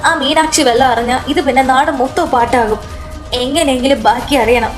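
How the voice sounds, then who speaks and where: A woman voicing a young woman who is eager and anxious, firing rapid questions over soft music. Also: sits high, natural voice. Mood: eager, urgent.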